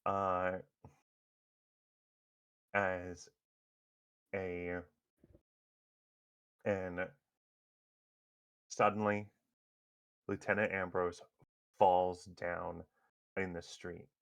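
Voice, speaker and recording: Slow, deep-voiced male game master. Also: level tone, creaky, fairly bright tone, clear, resonant tone. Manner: halting, many fillers and restarts. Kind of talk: narrating a tabletop superhero game.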